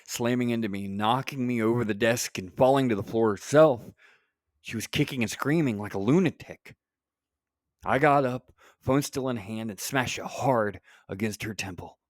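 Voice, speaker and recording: An American man narrating a first-person horror story with dramatic pauses and blunt profanity. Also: fairly low pitch, no room sound, clean studio sound. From United States.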